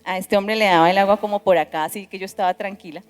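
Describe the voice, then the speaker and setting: A woman giving a testimony at a church service, telling her story in an animated way with frequent restarts. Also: medium pitch, fast talker, clean tone, long reverb tail. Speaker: pastor.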